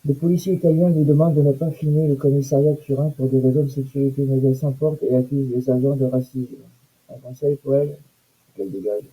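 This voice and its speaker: A man's voice: mid-range voice, steady tone, fast, slightly rough, narrow, tinny audio. A man giving casual, sarcastic commentary on news items and comments, with mocking asides.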